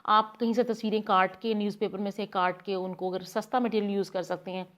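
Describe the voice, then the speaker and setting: A woman, guiding parents step by step and demonstrating words slowly. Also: medium pitch, flat delivery, a bit bright. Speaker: speech therapy guide for parents. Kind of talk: instructional demonstration.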